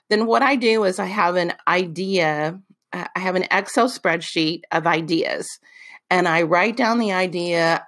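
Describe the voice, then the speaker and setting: A woman hosts her own solo podcast, talking the listener through business advice in a loose, chatty way. Her voice sits a bit low, and she takes her time, unhurried, with plenty of ums and restarts along the way. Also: a bit bright. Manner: folksy asides addressed to the listener. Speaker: podcast host.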